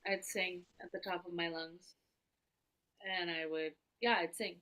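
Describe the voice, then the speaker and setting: A woman client in an art therapy session, describing her feelings haltingly and searching for words. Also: lowish voice, fairly even intonation, bright, forceful tone.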